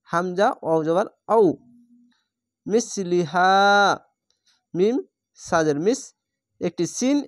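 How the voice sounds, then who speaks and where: A man's voice: high-pitched, no room sound, studio quality. A man teaching Quran reading, spelling out each letter and vowel mark one syllable at a time before reading the whole word.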